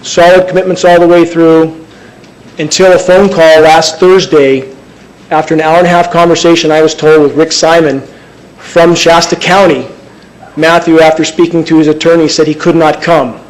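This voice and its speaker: A man's voice: on the high side, flat delivery, moderate pace, poor audio. A man testifying at a crowded public hearing, insistent and emphatic, stumbling into restarts as he presses his point. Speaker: public speaker. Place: crowded public meeting room.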